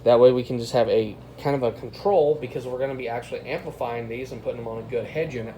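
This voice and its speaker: A man with a warm, mid-range voice and fairly even intonation talks quickly as he hosts a casual, unscripted test of car audio gear for his video viewers. He keeps it informal, calling his audience "guys." The background is clearly noisy.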